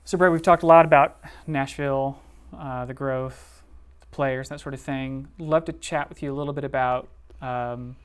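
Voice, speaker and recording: A man hosting an interview, asking questions in an easygoing way and often answering with short agreements. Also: mid-range voice. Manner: easygoing, many short affirmations. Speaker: interview host. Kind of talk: casual interview.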